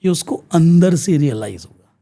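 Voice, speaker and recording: A man's voice: a little high, lively intonation, moderate pace, creaky, dark tone. An Indian man, a teacher and counsellor, explaining and giving advice in an earnest, lecturing way as an interview guest, switching between Hindi and English mid-sentence.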